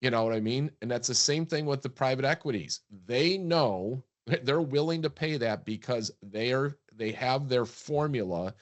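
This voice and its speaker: A man's voice: mid-range voice, moderate pace. A man co-hosting a business podcast, talking emphatically and often repeating words as he builds a point. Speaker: podcast co-host, practice transition advisor. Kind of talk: casual podcast chat.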